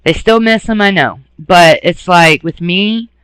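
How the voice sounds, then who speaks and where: A man's voice: sits high, unhurried, a bit bright, smooth, dry recording, rough recording. Blunt, impassioned man on the verge of tears. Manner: blunt, passionate, swears freely. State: near tears. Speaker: radio host. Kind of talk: emotional monologue.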